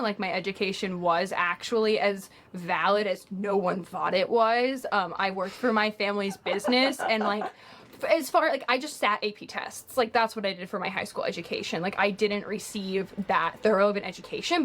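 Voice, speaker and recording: A university student in her twenties from Kentucky, United States, explains things at length in a casual interview, frequently saying "like" and "um." Her voice is mid-range and a bit bright, with slight background noise.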